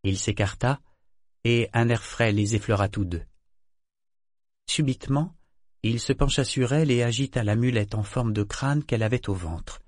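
A man narrating a novel in a steady, measured way. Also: mid-range voice, dry recording, studio quality. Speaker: audiobook narrator. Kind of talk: scripted narration.

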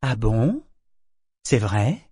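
A man voicing a strong-willed, quick-tempered young woman in an audiobook, speaking in a sharp, indignant way. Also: a little high, no room sound, studio quality, voice pushed up, natural voice. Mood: sarcastic. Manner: sharp, raised, indignant delivery. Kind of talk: audiobook character voice.

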